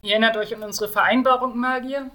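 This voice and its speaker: A woman doing a gruff, curt inquisitor. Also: on the high side, steady tone, fast, pushed and bright, voice pushed up. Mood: demanding. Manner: curt, snapping. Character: gruff, suspicious male inquisitor, older than the mage.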